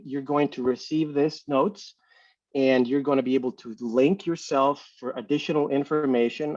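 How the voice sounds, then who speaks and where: A man from Ecuador who directs a small business center gives a relaxed, conversational webinar lecture with many fillers. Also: medium pitch, no echo. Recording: distant, dull lo-fi webinar audio.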